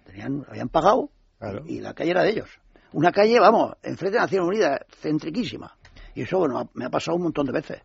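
A man's voice: on the high side, fast talker, vocal fry, slightly rough, no echo. An older man from Spain, a former ambassador, telling a rambling anecdote on the radio with many repetitions. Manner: rambling, animated storyteller with repetitions. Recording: dull lo-fi radio sound.

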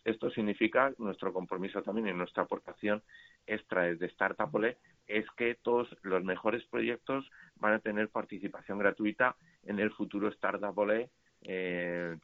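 A deep-voiced man calls into a radio show and talks about his startup event. He hesitates a lot, with fillers and restarts. The line is thin and tinny, like a phone.

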